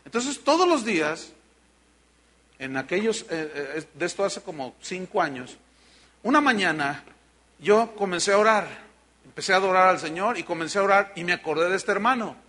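A man's voice: high-pitched, normal speed. A man preaching a sermon, telling stories animatedly and acting out voices. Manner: animated storytelling, acts out voices.

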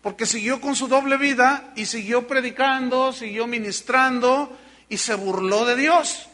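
A man's voice: extremely high pitch, measured pace. A man preaching a sermon, telling stories animatedly and acting out voices. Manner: animated storytelling, acts out voices.

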